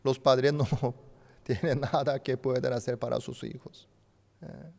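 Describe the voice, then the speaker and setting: A man preaching a sermon as pastor, a non-native speaker of Spanish with a native Korean background, swinging between loud emphatic rises and hushed soft drops. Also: mid-range voice, little pitch movement, slow, creaky. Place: church sanctuary. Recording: church hall with long reverb.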